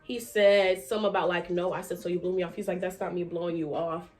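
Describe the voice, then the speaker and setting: A young woman telling a casual storytime, acting out quotes with big jumps in her voice. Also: fast. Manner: animated, acts out quotes with big pitch jumps and laughter. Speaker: vlogger.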